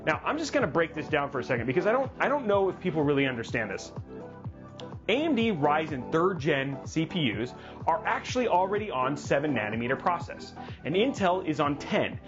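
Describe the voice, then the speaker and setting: A man hosting a livestreamed tech news show, animated and jokey, with dramatic asides. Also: fairly high pitch, a little fast, muffled recording. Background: music playing under the voice.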